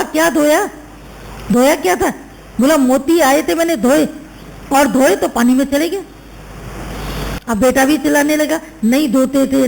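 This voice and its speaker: A woman's voice: high voice, gravelly, a little mellow, poor audio. A woman giving a sermon to a spiritual gathering. She tells a moral story, acts out the voices in it and repeats phrases for emphasis. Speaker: spiritual teacher.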